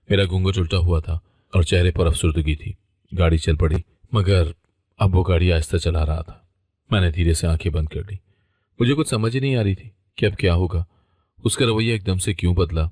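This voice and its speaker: A man narrating a dramatic moral story in a steady, measured storytelling voice. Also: low voice, no room sound, clean studio sound. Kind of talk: scripted narration.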